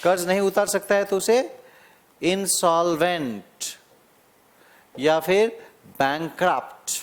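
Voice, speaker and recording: Male teacher, high voice, slow drawn-out explaining for an exam-prep lesson, repeats key words. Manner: explains slowly, drawing out key words and repeating them, checking in with "है ना?". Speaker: English teacher.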